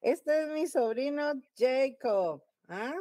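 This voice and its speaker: A woman's voice: high-pitched, expressive, slow, warm tone, no echo, clean studio sound. A middle-aged woman pastor with a Costa Rican accent, preaching emphatically at home. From Costa Rica. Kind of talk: home Bible teaching sermon.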